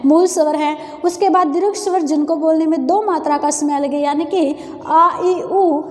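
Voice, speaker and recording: A woman teacher with a Haryanvi Hindi accent giving an exam-prep grammar lesson, calling her students children and repeating key terms slowly. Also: high voice, steady tone, darkish tone. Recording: echoey room with long reverb.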